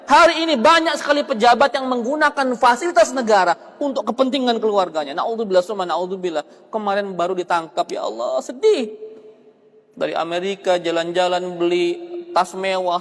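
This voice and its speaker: A male preacher with a high voice tells a story as a sermon. He is animated and keeps addressing his listeners directly. His voice rings with a long reverb in a hall.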